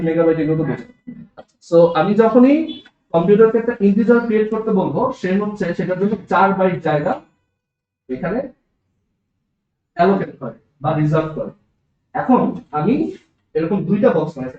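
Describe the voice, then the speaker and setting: A man with a Bangladeshi Bengali accent lectures a room of students, walking them through each step and checking they follow. His voice sits high. The room is echoey and the recording sounds dull and lo-fi. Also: darkish tone, slight background noise. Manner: explains step by step, asks the class checking questions. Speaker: programming teacher. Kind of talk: classroom lecture. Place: classroom.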